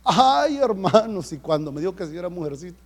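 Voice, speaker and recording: Animated pastor, fairly high voice. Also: male voice, racing. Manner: animated storytelling, swinging between hushed and loud. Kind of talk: sermon. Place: church service.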